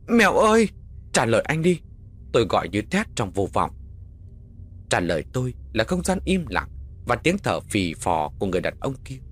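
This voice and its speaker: A man narrating a first-person horror story with dramatic, expressive delivery. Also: on the low side, husky.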